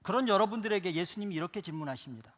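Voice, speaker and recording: A man's voice: high voice, animated, rapid-fire, fairly bright tone, long reverb tail. A male pastor preaching a sermon, driving it with emphatic rhetorical questions that build in intensity.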